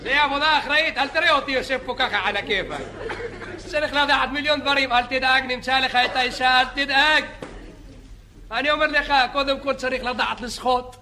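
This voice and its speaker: A man playing a boastful, chatty beach lifeguard who rambles, jokes and yells at bathers in a comedy sketch. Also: very high voice, crowd noise. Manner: rambling, joking, shouting at bathers. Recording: live audience laughter and noise. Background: audience laughing.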